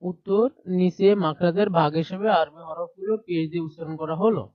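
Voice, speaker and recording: A man's voice: high-pitched, brisk, no echo, highs cut off. A man teaching a primary class over a shared screen, explaining step by step and repeating letter sounds aloud. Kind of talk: screen-share textbook lesson.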